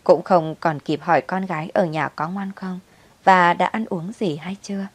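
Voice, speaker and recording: Low-voiced woman telling a story. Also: fairly even intonation, normal speed, slightly rough, dry recording. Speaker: narrator. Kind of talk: storybook narration.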